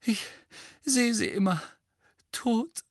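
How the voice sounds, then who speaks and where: Storybook witch mother, crying, shrill wail, distant timbre; male reader doing her. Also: expressive, takes it slowly, no echo, clean studio sound, exaggerated voice. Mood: tearful moaning. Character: grief-stricken middle-aged witch mother, sobbing.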